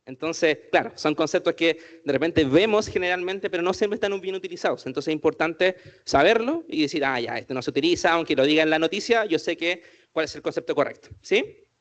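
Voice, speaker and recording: A man with a fairly high voice runs an inclusion workshop, peppering the group with questions and frequently tagging on "¿cierto?". The audio sounds dull in this interactive talk.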